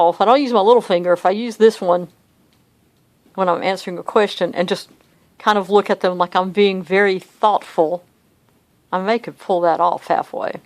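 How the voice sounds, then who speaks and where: An older woman talks in a chatty, upbeat, self-joking way in a casual personal video diary. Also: on the low side. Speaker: vlogger.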